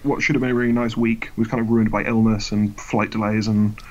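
A man's voice: lowish voice, level tone, brisk, darkish tone. A British man talking casually, like a podcast co-host chatting with a friend. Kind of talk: casual chat. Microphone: remote internet voice call. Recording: slightly dull, lo-fi internet call audio.

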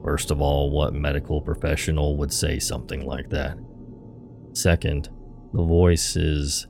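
Very deep flat-voiced horror narrator. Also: male voice, creaky. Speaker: podcast host and narrator. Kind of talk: scripted horror story narration. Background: soft music.

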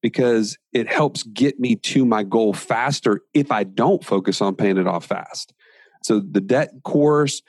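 A man with a lowish voice lays out steps in a podcast interview, methodical but sometimes lively. The sound is dry and close to the mic, with no room behind it. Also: no room sound. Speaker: guest entrepreneur.

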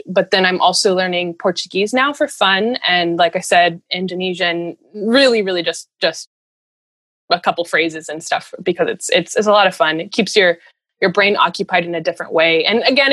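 A woman with a lowish, slightly bright voice and no echo talks casually as an interview guest. She's a runner and storyteller, and she comes across earnest and rambling, giggling her way through the conversation.

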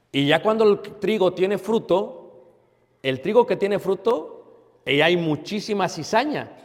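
Pastor guy preaching, kinda high voice, big questions then quiet bits, long echo from the hall. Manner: preaching with rhetorical questions, swinging between loud emphasis and hushed asides. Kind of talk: sermon.

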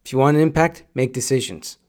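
A man's voice: mid-range voice, fast, darkish tone. A middle-aged man hosting a podcast, giving a direct, repetitive motivational monologue in a coaching tone. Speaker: podcast host.

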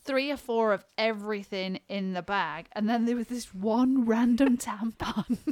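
Thirties woman co-host, loud, laughs a lot, dry close mic. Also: on the high side, takes it slowly, no room sound. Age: 30s. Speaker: podcast co-host. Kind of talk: casual chat.

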